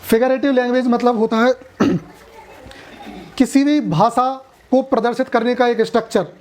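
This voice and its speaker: A man's voice: very high-pitched, steady tone, moderate pace, a little mellow, slight background noise. Male tutor, classroom lecture, casual and talkative, keeps checking students follow. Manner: chatty, asks students questions, jokes. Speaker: coaching class teacher.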